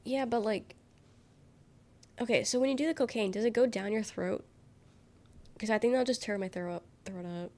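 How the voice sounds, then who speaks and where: A young woman livestreamer chats with her viewers casually, rambling as she reads chat aloud. She's sick, so her voice is congested, nasal and worn, though it's warm in tone and on the high side. She talks at a normal speed and pauses often.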